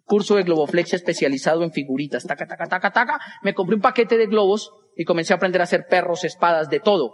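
Colombian comic guy, quick and high, jumps between voices for his characters, echoey hall. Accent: Colombian Spanish. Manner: animated, acts out dialogue with quick voice switches. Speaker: stand-up comedian. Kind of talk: stand-up storytelling.

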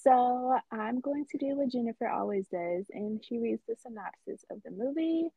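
A woman co-hosting a casual podcast with a husky, slightly breathy voice pitched a bit high. She teases her co-host and giggles easily, keeping things loose. The sound is dry and close, with no room around it. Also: animated, normal speed, no room sound, narrow, tinny audio. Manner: giggly, teasing, loose and informal. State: tipsy from wine. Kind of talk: casual chat.

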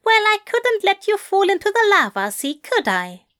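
A woman voicing a fussy, fond male angel who speaks in a genteel, prim and gently teasing way. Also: extremely high pitch, wildly swooping pitch, normal speed, voice pushed up, exaggerated voice.

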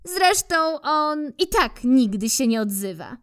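A woman voicing an eager, persistent female squirrel in a children's storybook reading, in a high, bright, coaxing voice. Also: sing-song, slow, exaggerated voice. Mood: cheerful.

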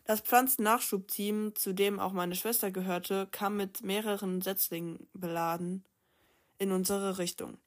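A woman's voice: medium pitch, steady tone, a little slow. A woman reading a novel aloud in a casual way, stumbling over words and correcting herself. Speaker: reader.

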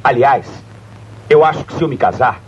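A man's voice: mid-range voice, normal speed, muffled recording, a little hiss or hum, close to an everyday voice. An actor playing a submissive young office employee who answers his boss meekly. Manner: meek, deferential.

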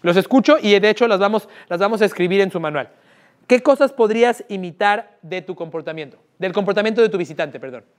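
Speaking fast in a high voice, a man with a Mexican Spanish accent leads a live sales workshop as the trainer. His manner is lively, and he frequently throws questions to the audience.

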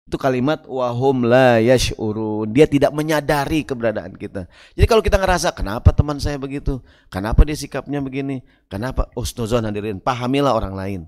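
Animated preacher. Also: male voice, medium pitch, brisk. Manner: animated, acts out voices, chants Arabic verses. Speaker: Islamic preacher. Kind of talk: lively humorous sermon.

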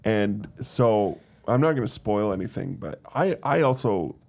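A man's voice: lowish voice, expressive, a little slow, darkish tone. A man co-hosting a podcast, chatting casually with teasing jokes and filler words. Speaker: podcast co-host. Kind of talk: casual chat. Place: studio.

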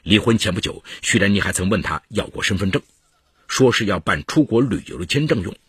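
A man telling a legal case story in a low, husky voice. His pitch swings widely as he dramatizes the events. The sound is dry and close to the mic. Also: animated, fairly quick, fairly bright tone, no echo. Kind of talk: scripted case narration.

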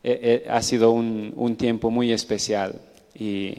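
A man gives a church testimony, hesitant and pausing often. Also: medium pitch, level tone, dark tone. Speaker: church missionary giving testimony. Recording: echoey hall with long reverb.

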